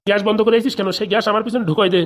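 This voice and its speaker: A woman's voice: medium pitch, fairly even intonation, natural voice. A woman voicing a bickering, grumbling middle-aged male politician husband in a comic cartoon. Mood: exasperated. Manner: grumbling, exasperated, quick retorts.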